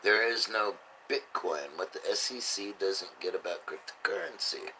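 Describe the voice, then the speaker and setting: A man's voice: low voice, normal speed, bright, forceful tone, a little hiss or hum, low-quality recording. A man who sounds drunk, rambling through casual, blunt, sweary commentary as he reads out headlines. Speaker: host reading and reacting to news.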